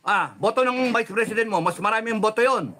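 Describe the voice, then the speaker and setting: A middle-aged man from the Philippines rants about politics on his channel. His voice sits high and sounds bright and forceful. He curses heavily and swings between angry outbursts and low, controlled muttering. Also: fast, a little hiss or hum. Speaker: political commentator.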